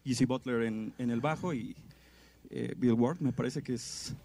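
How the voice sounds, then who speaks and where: A man, a rock band guest on radio, speaking in a relaxed, halting way and stumbling over words. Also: medium pitch, a little hiss or hum. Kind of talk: casual radio interview. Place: radio studio booth.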